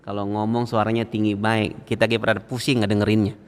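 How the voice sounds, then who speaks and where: A man's voice: lowish voice, level tone, clean tone. A man preaching a mosque sermon, constantly asking the congregation questions and acting out everyday scenes. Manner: engaging, quizzes listeners with frequent questions; acts out everyday scenes and quotes scripture slowly. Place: mosque hall. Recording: reverberant mosque hall.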